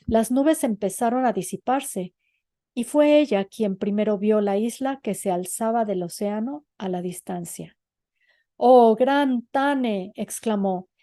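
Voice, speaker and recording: An audiobook narrator, a woman with a mid-range voice, reads a novel in measured, expressive scripted narration. The recording is dry with clean studio sound.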